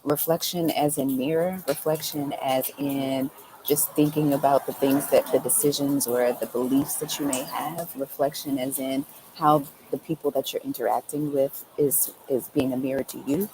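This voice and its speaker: A woman's voice: rumbling low, steady tone, normal speed. A woman breathwork coach, a guest on a casual live-stream chat, speaks reflectively and often adds "um" and "right?". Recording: audible background noise.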